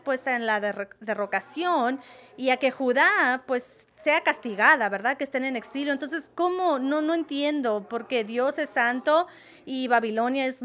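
A woman's voice: high voice, a bit bright. A woman preaching a sermon in a conversational way, often checking in with her listeners. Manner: conversational, asks "verdad?" often.

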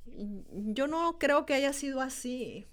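Higher-voiced woman preaching conversationally. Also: expressive, slow. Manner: conversational preaching, talks straight to the congregation; repeats phrases for emphasis. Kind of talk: sermon.

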